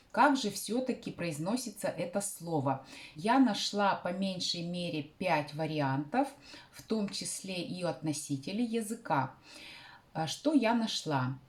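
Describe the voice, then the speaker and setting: A woman hosting a sewing channel, explaining a craft tutorial carefully, often pausing with hesitation sounds. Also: fairly low pitch.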